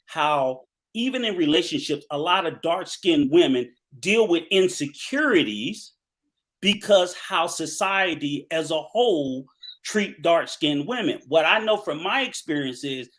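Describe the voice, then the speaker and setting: A man making his point forcefully in a livestream discussion, talking fast then slowing for emphasis. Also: fairly high pitch, lively intonation. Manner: emphatic, argumentative, speeds up and slows down.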